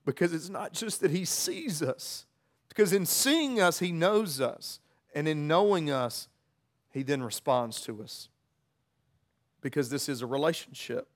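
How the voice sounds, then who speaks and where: A man's voice: on the high side, lively intonation, unhurried. A man preaching an informal, conversational sermon, earnest in tone and often restarting or repeating words as he works through a passage.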